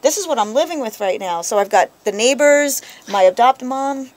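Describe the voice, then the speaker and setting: Animated woman hosting a radio chat. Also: on the high side. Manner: animated storyteller, quick to vent. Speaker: radio show host. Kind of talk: casual chat.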